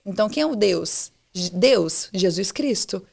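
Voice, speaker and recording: A woman's voice: mid-range voice, lively intonation, measured pace, creaky, darkish tone, breathy edge. A young woman, a podcast guest giving an earnest, emotional faith testimony and repeating words for emphasis.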